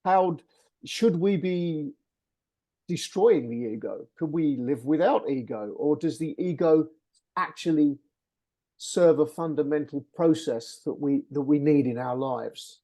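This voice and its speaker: A man's voice: fairly high pitch, a little slow, dark tone. A man interviewing in a reflective spiritual conversation, searching for his words and often repeating himself. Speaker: interviewer questioning a channeler.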